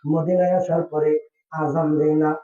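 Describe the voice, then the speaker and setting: A man preaching a sermon, telling a story in a melodic voice that swings into loud cries. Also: on the high side, little pitch movement, normal speed. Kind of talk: sung-spoken sermon storytelling. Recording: echoey, distant, tinny phone-like sound.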